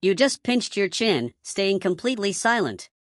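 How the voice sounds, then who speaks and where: A woman narrating a second-person story in a scripted, even storytelling delivery. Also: medium pitch, normal speed, no echo, clean studio sound.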